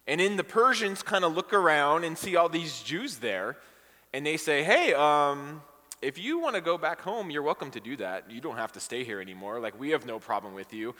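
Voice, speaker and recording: A man's voice: fairly high pitch, pushed and bright. A man preaching a casual, conversational sermon to a congregation and asking them questions as he goes. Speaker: pastor. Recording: long hall reverb.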